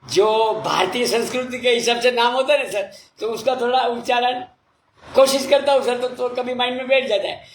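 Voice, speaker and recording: A man, a meditation teacher who reads viewer comments slowly, spelling out names letter by letter and apologizing with repeated thanks. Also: very high voice, steady tone, echoey room, slight background noise. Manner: humble and apologetic. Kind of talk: casual talk reading viewer comments.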